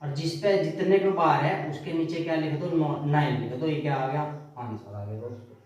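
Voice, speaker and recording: A man's voice: fairly high pitch, fairly even intonation, a little fast, a little mellow. A man giving a classroom math lesson who asks the class questions and then answers them himself. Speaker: math teacher. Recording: very echoey room, mic far off.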